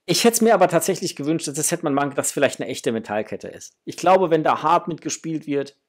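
This middle-aged toy collecting channel host has a fairly high, expressive voice and speaks a little fast. Unboxing a toy indoors in a small home room, he talks casually and gushes enthusiastically to his viewers.

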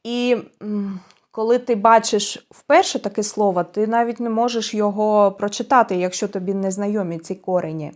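A woman with a Ukrainian accent hosting her own channel, explaining a language point in a casual lesson and pausing now and then with fillers to think. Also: medium pitch, fairly even intonation, a little mellow. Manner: thoughtful, pauses with fillers while explaining. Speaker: channel host explaining Estonian stress.

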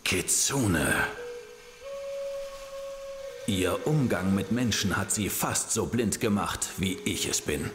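An actor playing an ancient blind fox spirit in a video game, a stern gatekeeper speaking in a solemn, archaic, imperious manner. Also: male voice, deep voice, lively intonation, unhurried, noisy background. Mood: solemn, scornful. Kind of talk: video game character acting. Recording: reverberant echoey hall, music underneath.

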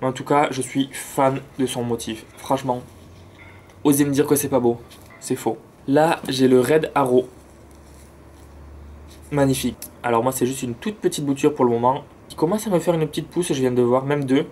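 A plant vlogger with a southern French accent chats enthusiastically about his plants outdoors near a road with cars and planes, tossing in slangy asides. His mid-range voice is steady, a little mellow, and moderately paced, with slight background noise.

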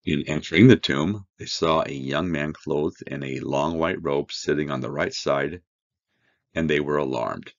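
A man teaching a verse-by-verse Bible study, reading scripture aloud and explaining it with slow, earnest emphasis. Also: extremely low pitch, gravelly, highs cut off.

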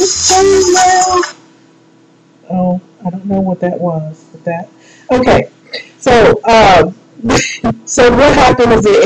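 Hosting her own radio show alone, a woman rambles along in a casual, folksy, informal chat at a medium pitch. Loud music plays behind her voice, and the recording is rough.

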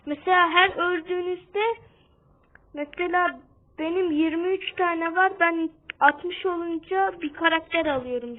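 High-voiced gamer on a tinny line. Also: female voice. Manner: talks a bit loudly on purpose, keeps calling out to viewers. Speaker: gaming channel host. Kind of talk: casual gameplay commentary. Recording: tinny phone-like sound.

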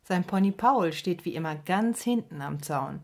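Female narrator, children's story reading, lowish voice, gentle, even. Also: normal speed, creaky.

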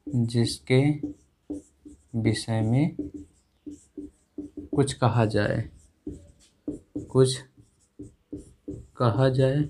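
A young man teaching grammar at a whiteboard in a small classroom, repeating each word slowly as he writes and calling his students dear children. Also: mid-range voice, a little mellow. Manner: slow and repetitive, dictating words while writing. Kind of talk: whiteboard lesson in Hindi.

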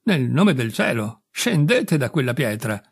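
A man reading an audiobook and voicing an alarmed, commanding male lightning-rod salesman with a gravelly voice. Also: medium pitch, sing-song, unhurried, heavily acted.

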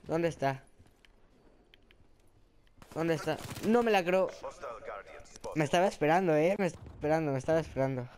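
Excitable man with put-on Spain Spanish. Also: on the high side, slight background noise. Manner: excitable, exclaiming, self-mocking. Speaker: gaming channel host. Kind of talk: live gameplay commentary.

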